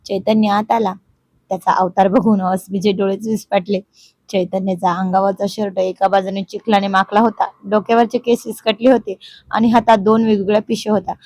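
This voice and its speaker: A woman narrates a scripted family story, her voice at an ordinary middle pitch. She gives the characters' quoted lines expressive life as she reads. The recording is close and dry, with no room echo. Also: brisk.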